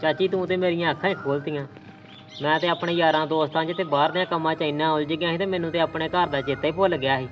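Neglectful young husband, played by a man, curt, quick and a touch high. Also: steady tone, lo-fi sound, soft background music, close to an everyday voice. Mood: apologetic. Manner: curt and dismissive. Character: neglectful young husband who later repents. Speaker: son and husband; channel host. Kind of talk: amateur family drama.

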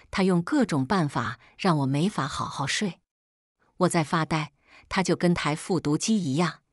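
A woman with a lowish voice tells a first-person story in a calm, even, scripted way. The sound is dry and close, with no room around it. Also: no echo.

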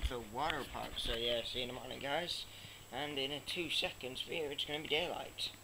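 A man's voice: medium pitch, steady tone, a little fast. A young man chatting casually to a handheld camera on holiday, like a vlogger updating his viewers. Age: teenager to young adult. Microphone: handheld camera at arm's length. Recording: noisy handheld camera audio with heavy background noise.

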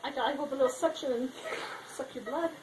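Woman, high voice, casual joking dental assistant, noisy off-camera phone recording. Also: fast talker, roomy sound. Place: small dental treatment room, indoors.

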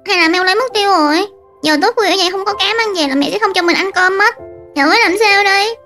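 A woman's voice: very high voice, quick pace, pushed and bright, faint music behind. A woman voicing a meek, hardworking older sister in a game-made fairy tale, polite and whiny when upset. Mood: tearful.

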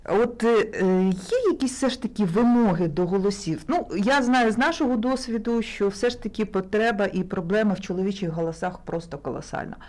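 A woman's voice: mid-range voice, fairly quick, hardly any pauses, darkish tone. A woman with a Ukrainian accent hosting a morning studio show, asking long rambling questions with fillers. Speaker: radio morning show host. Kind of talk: casual studio interview.

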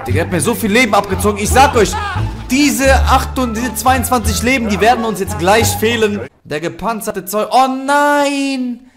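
A man's voice: very high-pitched, moderate pace, music in the background. Slangy young male gaming streamer. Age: 20s. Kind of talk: casual let's play commentary with slangy cursing. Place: small indoor room. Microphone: close desk microphone, headset worn.

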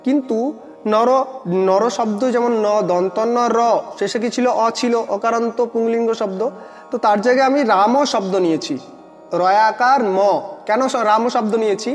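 High-voiced man teaching grammar, with reverb. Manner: patient, asks questions and answers them himself. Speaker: Sanskrit teacher. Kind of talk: online grammar lesson.

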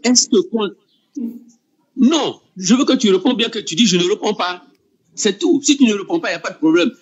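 A man's voice: sits high, expressive, brisk, a little mellow, breathy edge. A man from Ivory Coast moderating an online religious debate, pressing the same question again and again. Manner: insistent, repeats his question. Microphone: online voice call. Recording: muffled lo-fi online call audio.

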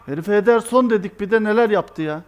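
A young man commentating his own football video game match live, excitable and exasperated, shouting at his players. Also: sits high, brisk.

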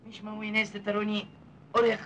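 A man's voice: sits high, monotone, fast, heavy background noise, lightly acted. An actor playing a pompous young male businessman who bluffs, speaking with an Egyptian accent and mixing in English words. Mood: placating. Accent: Egyptian Arabic. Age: young adult. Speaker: film character. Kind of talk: 1980s comedy film acting.

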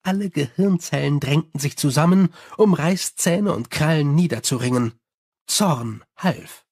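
A man reading an audiobook in measured storytelling narration. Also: on the high side, a little mellow, slightly rough, no room sound, clean studio sound. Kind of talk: scripted narration.

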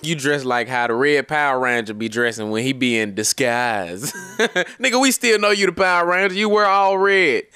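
A man's voice: medium pitch, expressive, moderate pace, sharp tone, smooth, no echo. A man voicing an irritable cartoon fish cashier in a comic skit, with a brash, mocking, foul-mouthed delivery. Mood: exasperated, mocking. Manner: brash, mocking, sweary roasting. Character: irritable, insulting male cartoon fish working as restaurant cashier.

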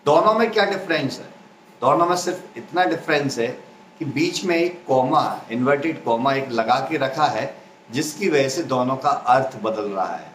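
A man giving an explanatory health talk as an Ayurveda educator, measured and teacherly, listing points one by one. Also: medium pitch, lively intonation, roomy sound, a little hiss or hum, poor audio.

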